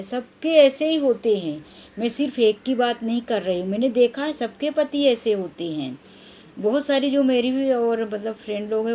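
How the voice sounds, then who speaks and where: A woman's voice: on the high side, warm tone, slight background noise. A woman vlogger in her thirties giving earnest, plainspoken advice straight to camera. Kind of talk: advice vlog talking to camera.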